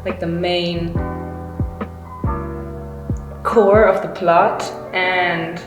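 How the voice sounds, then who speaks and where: A woman in her twenties answering interview questions lightly and agreeably. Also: mid-range voice. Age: 20s. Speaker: theater student. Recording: echoey room with music behind.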